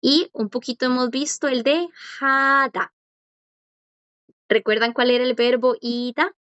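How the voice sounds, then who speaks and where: A woman's voice: high voice, steady tone, unhurried, a bit bright, smooth. Patient woman teacher quizzing her class, dull muffled sound, no room echo. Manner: patient, encouraging, quizzes students and praises answers. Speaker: Korean language teacher. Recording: dull lo-fi dry audio.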